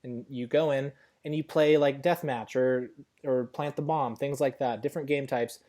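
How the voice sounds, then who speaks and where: A young man in a casual gaming podcast, talking freely with a lively, sarcastic edge. His pitch sits in the middle for a man. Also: moderate pace. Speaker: podcast co-host. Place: Arizona.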